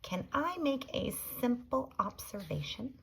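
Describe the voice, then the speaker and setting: A woman's voice: on the high side, very animated, measured pace, vocal fry, fairly bright tone, breathy edge, pitched above the performer's own voice, exaggerated voice. A woman voicing a practical, no-nonsense woman ticket seller who asks pointed, leading questions. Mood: probing.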